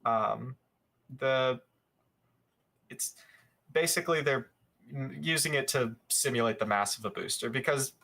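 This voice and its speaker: A young man hosting a live show, giving casual commentary over footage, rambling with many fillers and quick self-corrections. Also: mid-range voice, gravelly, bright, forceful tone.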